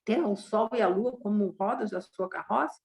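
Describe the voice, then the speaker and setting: A woman's voice: medium pitch, normal speed, darkish tone, close to an everyday voice. A woman voicing a remorseful Brahmin father mourning his son in a retold Buddhist tale. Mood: grieving.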